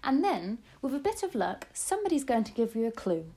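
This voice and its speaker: A woman's voice: fairly high pitch, big pitch swings, fairly quick, warm tone, breathy edge, pitched above the performer's own voice. A woman voicing an elderly grandmother who is loving, resourceful and emphatic, in a storybook reading. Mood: urgent, caring.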